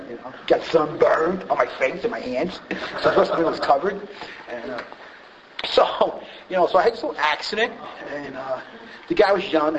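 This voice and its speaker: A man telling a rambling, self-deprecating personal story about his drinking, full of fillers and restarts. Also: fairly high pitch. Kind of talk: personal recovery story told to a group. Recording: dull lo-fi recording, faint hiss.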